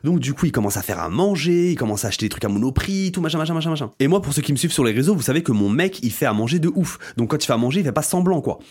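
A young man telling stories in a casual slangy monologue, animated and swinging into loud indignation. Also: fairly high pitch, racing, few pauses, husky. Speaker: podcast host.

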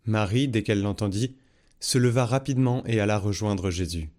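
Guy reading the bible aloud, lowish voice, measured and steady. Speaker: Bible reader.

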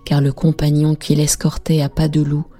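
A woman narrating a bedtime fairy tale in a calm, measured reading. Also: low voice, faint music behind. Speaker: storyteller.

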